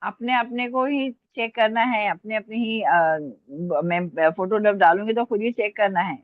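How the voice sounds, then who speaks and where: A woman teacher leads an online class, dictating short phrases slowly and spelling each word out letter by letter. Her voice comes through a narrow, phone-like line. The sound is dry, with no room echo. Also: medium pitch. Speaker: Urdu teacher. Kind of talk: online language lesson dictation.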